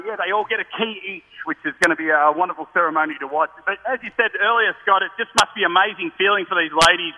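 A man's voice: sits high, sharp tone, in a large hall. A chatty, matey man giving live parade commentary as a roving radio reporter outdoors. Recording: noisy outdoor link, dull sound.

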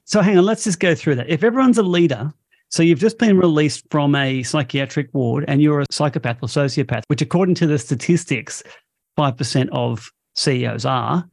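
A man's voice: a little high, a little fast, gravelly, a little mellow, no echo. A man being interviewed about leadership and culture, speaking bluntly and frankly. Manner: blunt and outspoken. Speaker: interview guest, company CEO. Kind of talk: interview answers.

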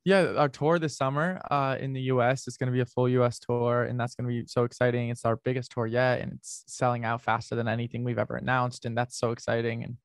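A young man from North America chats casually about his music as an interview guest, rambling through ideas with many "likes" and restarts. His voice sits at an ordinary middle pitch. The sound is dry and close. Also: level tone, quick pace, few pauses, clear, resonant tone, dry recording.

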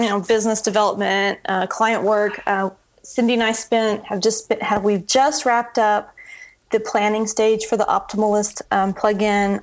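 A woman's voice: medium pitch, darkish tone. A woman speaking casually as an interview guest, telling things in an anecdotal, conversational way. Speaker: interview guest, web business consultant.

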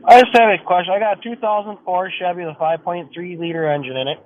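Fast-talking man over the phone. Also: sits high, steady tone. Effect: heard over the phone. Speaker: caller. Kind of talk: call-in question to a radio show. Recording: tinny phone line with faint noise.

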